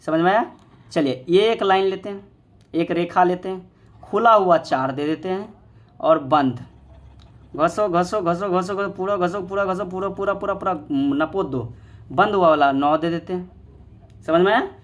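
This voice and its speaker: Man, higher voice; playful teasing math teacher who drills by repetition. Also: a little slow. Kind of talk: online classroom lesson.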